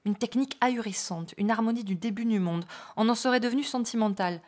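A woman's voice: on the high side, quick pace, darkish tone. A woman reading a literary novel aloud expressively, now and then adding brief spoken asides. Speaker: reader.

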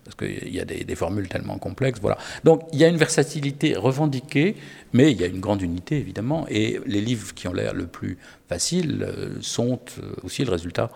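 A man with a lowish, gravelly voice discusses books in an unhurried, hesitant way, often restarting his sentences. His voice carries a long reverb, as if spoken in a large room. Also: lively intonation, darkish tone. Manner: hesitant, many fillers and restarts.

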